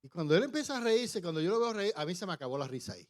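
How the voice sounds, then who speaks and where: Male pastor, slightly high voice, storytelling sermon, halting restarts, church microphone. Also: very animated. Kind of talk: testimony sermon.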